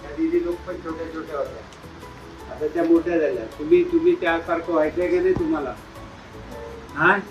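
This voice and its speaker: A man playfully quizzing schoolchildren, coaxing and teasing them and urging them to speak louder. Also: on the high side, steady tone, fast, pauses often, highs cut off, soft background music. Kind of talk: playful classroom questioning.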